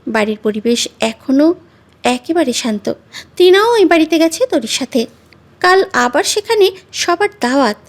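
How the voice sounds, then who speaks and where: High-voiced woman narrating a love story. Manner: expressive, measured reading.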